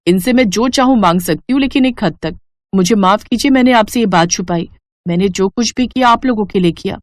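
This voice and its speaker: A woman's voice: mid-range voice, a little fast, no echo, studio quality, natural voice. A woman voicing a devoted young daughter-in-law who speaks earnestly and pleads. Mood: apologetic.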